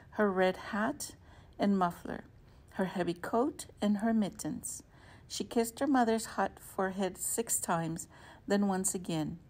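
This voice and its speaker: Slow, expressive woman reading to kids. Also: mid-range voice. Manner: warm, expressive storytelling to children. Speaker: teacher. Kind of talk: children's picture-book read-aloud.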